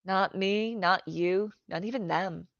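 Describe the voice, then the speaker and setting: A woman voicing a big, guarded young girl with a dry sense of humour, speaking low and muttered. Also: slow, creaky, fairly bright tone, no room sound. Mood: guarded, wry. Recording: dry, dull lo-fi recording.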